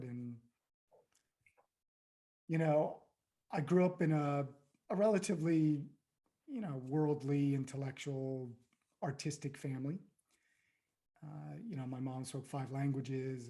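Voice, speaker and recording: A man's voice: mid-range voice, warm tone. A man in his fifties from the United States, a podcast guest and life coach, telling his story in a reflective, rambling way with many fillers. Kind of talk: conversational interview.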